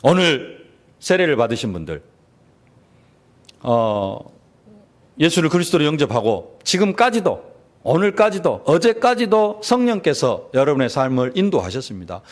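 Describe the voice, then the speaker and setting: A man's voice: a little high, sing-song, normal speed, long pauses. A man preaching a sermon as pastor in a church, with emphatic rising peaks, sudden drops and rhetorical questions. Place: church sanctuary.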